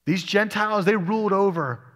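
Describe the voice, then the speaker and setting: A pastor preaches expository-style in a church sanctuary, his fairly high, fairly bright voice moving at normal speed. He reads through scripture aloud and asks his listeners questions, while the hall's long reverb trails behind every phrase.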